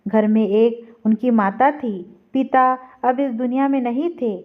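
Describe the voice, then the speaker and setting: High-voiced woman reading a story. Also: steady tone, a little slow. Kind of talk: scripted story narration. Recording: dull lo-fi recording.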